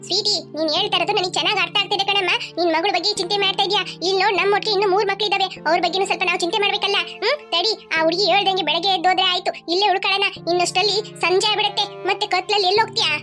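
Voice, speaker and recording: Squeaky fast-talking cartoon auntie, grumpy about her sore feet, done by one voice actor, kiddie music behind. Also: fairly even intonation. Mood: grumbling. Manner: complaining, bossy. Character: fussy middle-aged woman, tired, grumbling. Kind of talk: cartoon voice acting.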